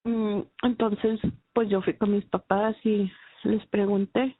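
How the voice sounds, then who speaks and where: A woman giving a halting, emotional personal faith testimony, with many restarts. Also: mid-range voice, little pitch movement, slightly rough, dry recording. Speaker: testimony speaker. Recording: dry, phone-like narrow sound.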